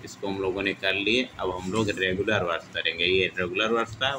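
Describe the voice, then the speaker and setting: A man teaching English grammar in Hindi with a Hindi accent, repeating each verb form slowly in drill style. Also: sits low, steady tone, background noise. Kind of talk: classroom lesson reciting verb forms.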